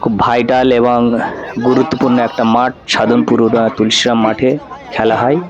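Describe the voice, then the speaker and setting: A man's voice: medium pitch, little pitch movement, moderate pace, dull audio. A man giving live football commentary, repeating phrases for emphasis. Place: outdoors at a local football ground. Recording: outdoor field with crowd noise. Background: spectator crowd.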